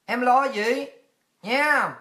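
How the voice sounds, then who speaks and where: A woman ranting in a livestream monologue, fiery and crude, swinging between shouting and slow solemn warnings. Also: high voice. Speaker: online political commentator.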